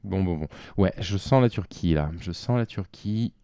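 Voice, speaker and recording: A deep-voiced man talks his way through a geography game, thinking aloud and coaching himself. His tone is dark and mellow, recorded close and dry with no room sound. Now and then he mutters and lets his sentences trail off. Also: normal speed, no room sound. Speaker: game commentator. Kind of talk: live game commentary.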